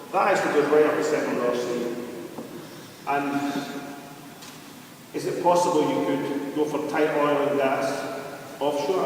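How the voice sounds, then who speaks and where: A man's voice: fairly high pitch, slight background noise. A man giving a wry, conversational speech to an audience, with hesitant fillers. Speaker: public speaker. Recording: echoey hall from far off.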